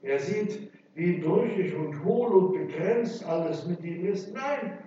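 A man preaching a sermon in an emphatic way, stressing his phrases slowly. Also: on the high side, dark tone. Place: church. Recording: echoey church from far off, dull sound.

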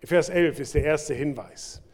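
Male pastor, slightly high voice, animated sermon delivery with big swings in volume. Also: unhurried. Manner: lively preaching with sudden loud bursts and quiet drops. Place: church.

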